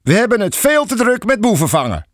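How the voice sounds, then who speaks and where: A man's voice: high voice, very animated, brisk, dry recording, studio quality, pitched above the performer's own voice. A man voicing a stern, impatient police officer who scolds condescendingly in an audiobook story. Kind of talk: audiobook fairy tale reading.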